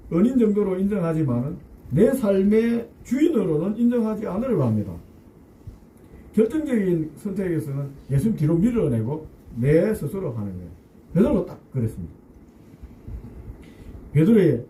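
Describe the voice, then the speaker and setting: Animated, dark-toned male pastor. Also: high voice, roomy sound, far from the mic, rough recording. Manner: animated storytelling with acted asides. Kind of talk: sermon. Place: church sanctuary.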